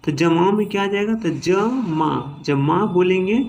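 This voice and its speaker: High-pitched and a little mellow, this man speaks fairly quickly over a faint hiss or hum. He runs a repetitive grammar lesson like a classroom, breaking words apart syllable by syllable with frequent "ठीक है" and "है ना."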